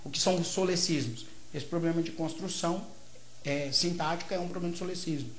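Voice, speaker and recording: A man's voice: fairly high pitch, fairly quick, fairly bright tone. A man from Brazil with a Brazilian Portuguese accent, a teacher giving a grammar lecture who explains step by step and keeps checking in with short tag questions. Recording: roomy echo.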